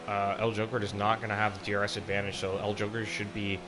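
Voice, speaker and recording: A man's voice: fairly low pitch, monotone, quick pace, background noise. A man doing live, casually phrased motorsport commentary on an online race as the lead commentator. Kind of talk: live sim racing commentary.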